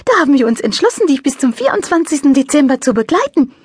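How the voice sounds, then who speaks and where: A woman voicing a cheerful little child angel with a delicate, high voice who speaks overly clearly. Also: sing-song, quick pace, darkish tone, no echo, studio quality. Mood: bright, eager.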